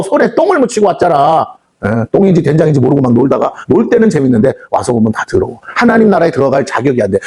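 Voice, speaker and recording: A male pastor preaches a fiery revival sermon in a church hall, talking fast in a husky, somewhat high voice. His pitch swings widely as he scolds the congregation bluntly and slips into acted voices of God, the devil and children. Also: a little mellow. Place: prayer house church hall.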